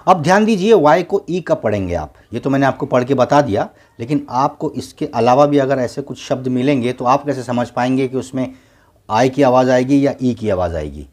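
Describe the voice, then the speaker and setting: A man's voice: mid-range voice, animated, normal speed, darkish tone. A man teaching a beginners' English lesson, patiently spelling words out letter by letter and repeating each word twice.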